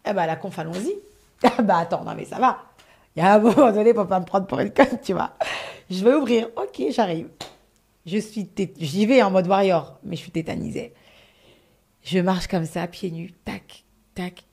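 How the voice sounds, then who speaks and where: A woman's voice: medium pitch, normal speed, vocal fry, darkish tone, husky. A woman telling a story on a live stream in a casual, dramatic way, swearing freely and speaking straight to her audience.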